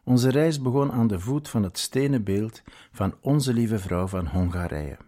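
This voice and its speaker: A man reading a story aloud in a measured, scripted narration. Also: on the low side, lively intonation, mellow, faint music behind.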